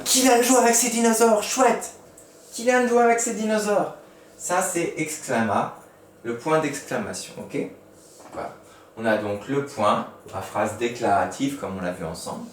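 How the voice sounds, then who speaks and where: A man teaching young pupils a recorded grammar lesson in speech, patient and slow, spelling out each step. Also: medium pitch, a bit bright, a little hiss or hum. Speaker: primary school teacher. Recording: echoey room, mic at a distance.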